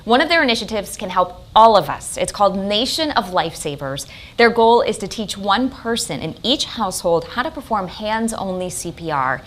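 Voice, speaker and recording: A woman's voice: medium pitch, lively intonation, moderate pace. An American woman working as a TV presenter, speaking in a broadcast interview style.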